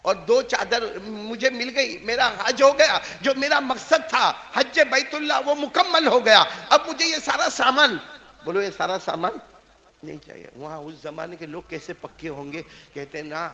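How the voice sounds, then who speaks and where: High, gravelly impassioned male preacher. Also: big-room sound. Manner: impassioned, swings from quiet to shouting, addresses listeners as dear ones. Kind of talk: sermon storytelling.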